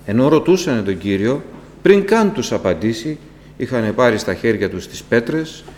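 A male preacher delivers a sermon in a church hall, speaking with passion and lifting his voice sharply as he presses a point. He turns to the congregation with rhetorical questions, his pitch sitting in an ordinary middle range for a man. The recording carries a long reverb and a faint hum underneath. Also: very animated, a little mellow. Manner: impassioned, with sudden rises in pitch and volume; asks rhetorical questions and addresses the congregation directly.

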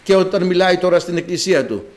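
A man's voice: sits high, expressive. A man preaching a sermon, emphatic and repetitive, reading scripture passages aloud. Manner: emphatic, repeats phrases, reads scripture in archaic Greek.

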